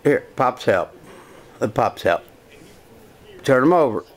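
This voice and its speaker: An older grandfather talking slowly and repetitively to a toddler, coaxing him in a casual home video. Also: medium pitch, expressive. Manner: slow, repetitive coaxing talk to a small child.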